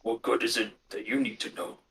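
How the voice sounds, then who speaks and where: A man voicing a sullen, scornful captive male orc in a tabletop game, speaking with low, muttered contempt. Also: level tone, fairly quick, gravelly, a bit bright, recorded from a distance, rough recording. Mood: contemptuous.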